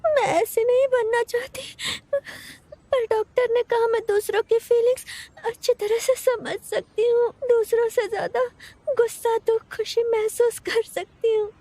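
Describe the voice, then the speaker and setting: A very high-pitched, soft and mellow young woman, tearful and earnest. She is tender-hearted and wears her feelings openly in this dubbed drama. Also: fairly even intonation, a little slow, no room sound. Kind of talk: Hindi dub of a drama.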